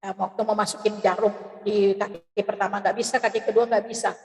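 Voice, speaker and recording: A middle-aged woman gives a personal testimony at a church gathering, telling her story in a lively way and acting out the voices of the people in it. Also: medium pitch, a little fast, in a large hall, poor audio. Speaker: church member giving a testimony. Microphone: video call.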